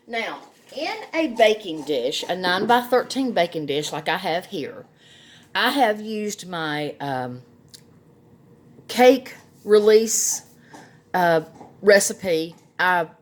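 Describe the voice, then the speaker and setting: A cooking vlogger speaks slowly in a lowish voice that swings widely in pitch, chatting warmly to viewers during a casual demo. She's in her home kitchen, recorded on a phone set on the counter, with dishes clattering loudly around her.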